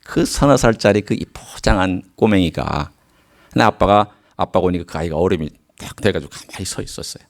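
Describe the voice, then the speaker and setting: A middle-aged man preaching a sermon, telling a story and swinging from quiet low asides to high, emphatic calls. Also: fairly quick. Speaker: pastor.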